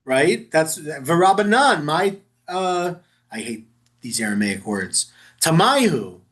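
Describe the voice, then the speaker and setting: A man's voice: fairly high pitch, big pitch swings, slow pace, a bit bright. A man leading a synagogue Talmud study group in a chatty, informal teaching style, often amused by the text and stumbling over Aramaic words.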